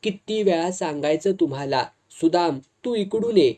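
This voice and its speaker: A man's voice: fairly high pitch, expressive, normal speed, mellow, lightly acted. A man voicing a bossy suited ringleader. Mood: scolding. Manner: scolding, commanding. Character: bossy suited man ordering hired thugs.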